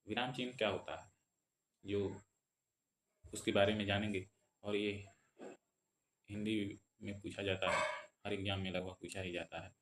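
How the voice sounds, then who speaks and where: A man teaching a grammar lesson, explaining each point twice and slowing down for the examples. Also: fairly low pitch, fairly bright tone, slight background noise.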